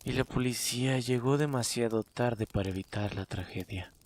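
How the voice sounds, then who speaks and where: A man hosting and narrating a dark story, adding his own commentary. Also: mid-range voice, normal speed, slight background noise. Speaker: storyteller and host.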